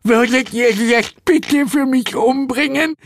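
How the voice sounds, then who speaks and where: A man's voice: very high-pitched, a little slow, no echo, studio quality, pitched above the performer's own voice. A man doing a shrieking rotting death goddess. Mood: shrill panic. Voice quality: shrieking, screeching. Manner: panicky and hysterical. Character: shrill, hysterical female death goddess, rotting. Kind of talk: audiobook character voice.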